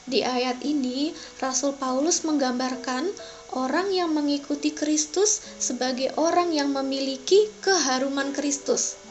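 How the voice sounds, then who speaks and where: High-pitched woman teaching small children. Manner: sing-song, simple and coaxing, as if talking to small children. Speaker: children's Sunday school teacher and host. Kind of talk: children's Bible lesson, addressing young kids directly.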